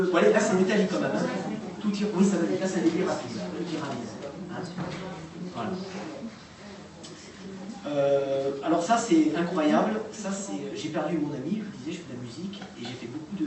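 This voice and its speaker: A man giving a public talk and playing recordings, speaking haltingly with many fillers and restarts. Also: fairly high pitch, background noise. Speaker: lecturer. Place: lecture room. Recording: echoey hall recorded from far off.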